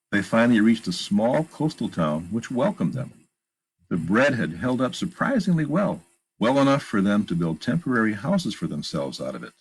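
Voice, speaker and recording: This storytime narrator has a fairly low, slightly rough voice, captured on a rough recording. He reads a children's picture book with expression, pausing for simple remarks about the illustrations.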